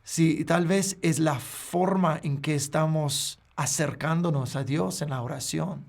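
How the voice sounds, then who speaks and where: Slow, gravelly-voiced male pastor preaching. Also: on the high side. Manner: earnest, halting with frequent restarts. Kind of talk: sermon.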